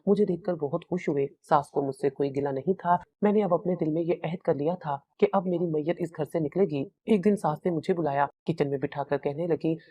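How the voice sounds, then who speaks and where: A woman calmly narrating a first-person story in a measured, solemn way. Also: deep voice.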